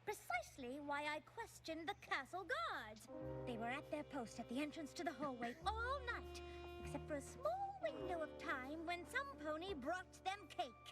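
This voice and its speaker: A woman's voice: very high-pitched, wildly swooping pitch, moderate pace, over music, heavily acted. A woman voicing a refined, confident cartoon pony sleuth with a precise, theatrical manner. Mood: confident, accusing. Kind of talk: animated series dialogue.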